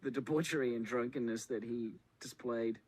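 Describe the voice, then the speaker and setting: A man's voice: mid-range voice, normal speed, darkish tone, slightly rough, no echo, low-quality recording. A man recording a joking film commentary, full of sarcastic, mock-insulting banter. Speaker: filmmaker on a commentary track.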